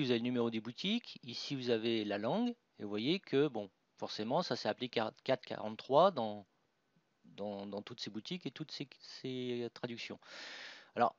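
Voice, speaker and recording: Man talking through a software screencast. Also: medium pitch, dry recording. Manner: talks through each click, with fillers and restarts. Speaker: software tutorial presenter. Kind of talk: screen-recorded software tutorial. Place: at a computer. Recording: dull, dry voice-over with mouse clicks.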